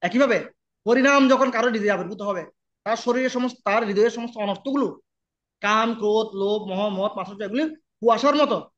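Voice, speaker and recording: A man's voice: high-pitched, fairly quick, fairly bright tone, highs cut off, a little hiss or hum. A man giving a devotional sermon, asking his listeners questions and chanting Sanskrit verses. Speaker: preacher.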